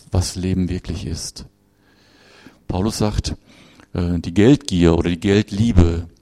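A man's voice: low-pitched, vocal fry, mellow, dry recording. A middle-aged man preaching a sermon in a conversational way, often turning to his listeners with short questions.

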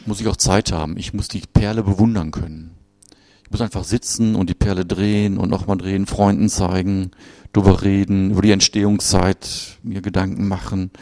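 A man's voice: low-pitched, mellow, no room sound. A middle-aged man preaching a sermon in a conversational way, often turning to his listeners with short questions.

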